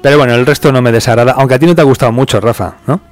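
A man's voice: medium pitch, racing, soft background music. A man from hosting a casual podcast, chatting about a film and reading out listener comments. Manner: relaxed, chatty, laughs and swears now and then. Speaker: podcast host.

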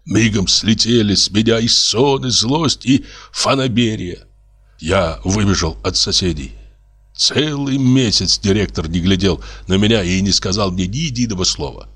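A man reading a literary story aloud, expressive and acting out the narrator's own outbursts. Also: fairly low pitch, normal speed, slightly rough. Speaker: audiobook reader.

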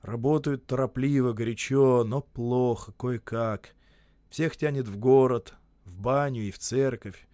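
Male narrator, measured storybook reading, dry close sound, mid pitch. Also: warm tone, dry recording. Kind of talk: scripted literary narration.

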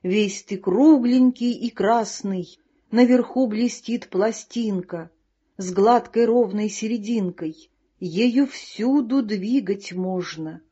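Lady doing a vain little ladybug poet guy, pompous and slow, mellow husky voice, dull lo-fi sound. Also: mid-range voice. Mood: declaiming. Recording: dull lo-fi recording.

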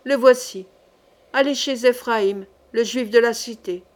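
A woman reading a gruff, blustering middle-aged male captain in an audiobook, grumbling and swearing. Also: a little high, measured pace, lightly acted.

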